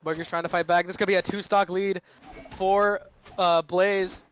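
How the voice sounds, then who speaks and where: A man doing esports play-by-play commentary as a caster, with an excitable, exclamatory delivery. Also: high-pitched, normal speed, slight background noise. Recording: music behind the voice.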